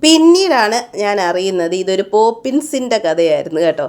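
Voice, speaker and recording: A woman's voice: mid-range voice, very animated, moderate pace, darkish tone. A woman vlogger chatting casually in a voice-over about cooking and her child, often tagging her sentences with "you know". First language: Malayalam speaker. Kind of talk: casual voice-over narration of a home day.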